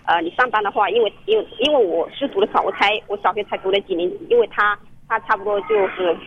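A woman's voice: medium pitch, lively intonation, fast talker, a little hiss or hum. A woman calling in to a radio counseling show, telling her story in an earnest, rambling way with many restarts, heard over a phone line. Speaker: caller. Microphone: telephone.

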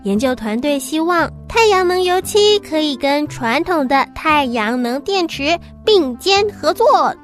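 A high-voiced woman hosts children's radio. She talks brightly to little listeners as though reading to a toddler, with animated phrasing. Music plays behind her.

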